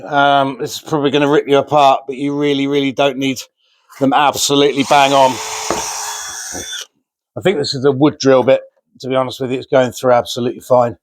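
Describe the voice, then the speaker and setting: Here a medium-pitched vlogger walks through his DIY build at a moderate pace and level tone, chatting casually and making fun of himself while working. Captured dry on a remote mic.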